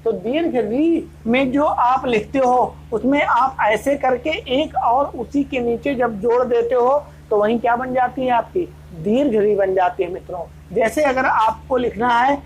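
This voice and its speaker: Speaking unhurriedly and with few pauses, a woman with a fairly high voice runs a grammar lesson for exam preparation. Addressing her students like friends, she asks them rhetorical questions, supplies the answers, and goes over every point twice; the rough recording has slight background noise.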